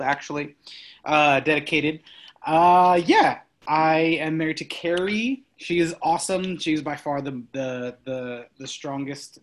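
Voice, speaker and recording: A man's voice: medium pitch, fairly bright tone. A man in his thirties from Los Angeles, giving an earnest, upbeat personal introduction with some fillers. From Los Angeles, California.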